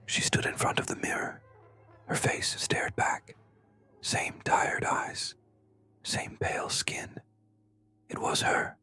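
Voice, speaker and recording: In a breathy whisper over background music, a narrator spins a frightening tale, keeping the phrases clipped and dramatic for suspense.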